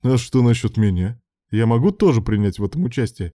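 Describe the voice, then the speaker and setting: A man's voice: medium pitch, sing-song, brisk, warm tone, no room sound, studio quality, natural voice. A man voicing an insecure, passionate young male patient who speaks in a hurt, insistent way.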